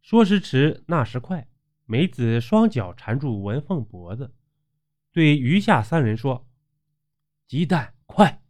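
A man's voice: medium pitch, measured pace. A man narrating a dramatic ghost story, acting out the characters' voices as he goes. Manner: animated storytelling with acted voices.

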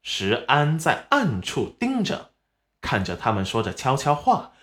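An audiobook narrator reading a web novel in a slow, expressive storytelling voice. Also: mid-range voice.

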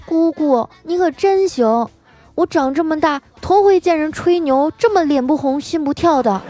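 A woman's voice: sits high, normal speed, dark tone, faint music behind, voice pushed up, natural voice. A woman voicing a cheeky little boy who whines in a tearful, pleading way. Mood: teasing.

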